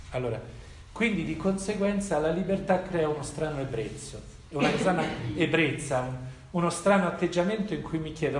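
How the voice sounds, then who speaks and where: A man preaching a reflective sermon, reading scripture and asking rhetorical questions, with frequent pauses to check in with listeners. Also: a little high, reverberant, a little hiss or hum.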